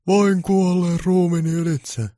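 A man's voice: mid-range voice, animated, mellow, no echo, studio quality, pitched above the performer's own voice, close to an everyday voice. A man voicing a grumpy old Santa Claus with bellowing, blustery threats, in a comic storybook reading.

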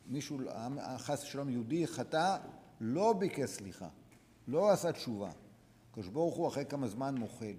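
A man, a rabbi, teaching a religious lesson to students, urging them on with repeated short commands and sudden swings between quiet and loud. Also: mid-range voice, slight background noise. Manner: exhorting, repetitive, sharp swings from soft to loud. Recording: long hall reverb.

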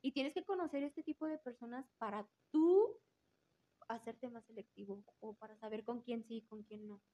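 The recording quality is low as an interview guest with a Mexican Spanish accent shares a personal story. Her fairly high, dark-toned voice moves at a moderate pace. She is casual and frank, curses without holding back, and says words twice to stress them.

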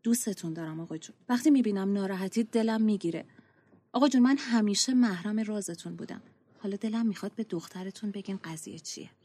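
A woman's voice: mid-range voice, mellow, natural voice. A woman playing a caring mother who coaxes and soothes her family, in a comic radio play. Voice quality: husky, coaxing and affectionate. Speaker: mother in family audio drama.

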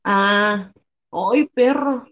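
Her medium-pitched voice moves very slowly, with a tinny, phone-like sound. This young co-host with a Mexican accent chats casually, spinning lively stories full of slang and curse words.

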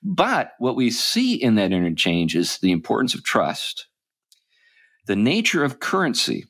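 A man's voice: medium pitch, wildly swooping pitch, a little slow, creaky, fairly bright tone. A man hosting a podcast, talking casually and rambling with many ums and restarts. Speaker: podcast host. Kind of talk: casual chat.

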